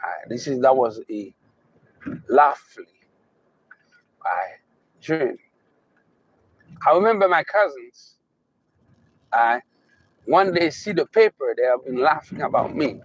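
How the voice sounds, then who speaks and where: A man's voice: medium pitch, very animated, slightly rough, no room sound, highs cut off. A man from Haiti with a Haitian accent, giving a motivational talk, emphatic and fond of repeating his key phrases. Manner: emphatic, repeating phrases, slow drawn-out stresses. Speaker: motivational speaker.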